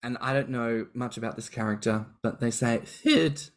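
A man's voice: medium pitch, little pitch movement, a little fast. A man co-hosting a casual podcast chat, musing at length with playful asides. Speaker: podcast co-host.

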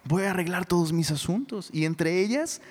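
A middle-aged Mexican pastor preaches in a loose, animated, conversational way, tossing in slang as he goes. His voice sits somewhat high for a man. A long hall reverb trails after his words. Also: normal speed. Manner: casual, animated, says "bro" a lot. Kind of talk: sermon. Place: church hall.

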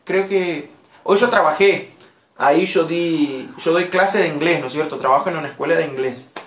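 A language teacher whose first language is Portuguese, giving a live online lesson and repeating phrases patiently and slowly for learners. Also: mid-range voice. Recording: roomy echo.

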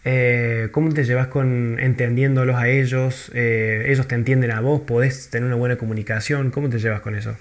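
A man's voice: medium pitch, fairly even intonation, brisk, few pauses. Male interviewer, friendly. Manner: friendly, short back-channel replies and laughs. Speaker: interviewer, host. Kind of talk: casual interview.

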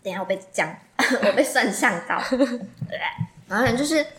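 A young woman with a Taiwanese Mandarin accent, co-hosting a casual late-night chat podcast and telling stories in an animated, teasing way. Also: medium pitch, normal speed. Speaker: podcast co-host.

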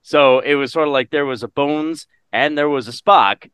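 A man chatting casually in a movie review podcast, animated and laughing often as he acts out lines from the film. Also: a little high, normal speed, clear, resonant tone, no echo. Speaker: podcast co-host.

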